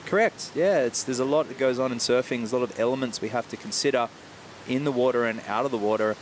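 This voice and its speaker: A man giving conversational analysis as a surf coach and guest commentator. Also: fast. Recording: clear outdoor hiss and rumble behind.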